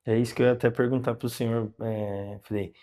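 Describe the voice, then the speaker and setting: A man interviewing a friar, asking his questions in halting, hesitant phrases. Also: mid-range voice, steady tone, warm tone.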